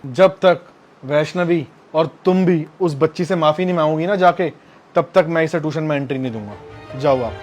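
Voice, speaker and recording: A man's voice: fairly high pitch, normal speed, a little mellow, lightly acted. A man acting as a stern tutor who scolds a mother and daughter in a short drama skit. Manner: scolding, lecturing. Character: stern, moralizing male tutor. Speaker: tuition teacher.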